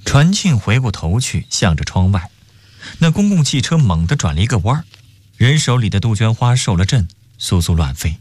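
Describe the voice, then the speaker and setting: A man reading a story aloud for radio in an expressive scripted narration. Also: lowish voice, normal speed, breathy edge, no room sound. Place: radio studio.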